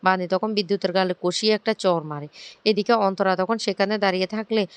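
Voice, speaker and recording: Brief: woman, rapid serial recap, smooth crisp voice, dry close sound. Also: medium pitch, dry recording. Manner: rapid, animated storytelling with quoted lines. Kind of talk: fast retelling of a TV serial episode, acting out dialogue.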